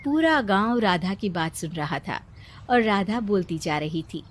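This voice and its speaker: Calm woman narrating a storybook. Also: medium pitch, measured pace, loud music behind the voice.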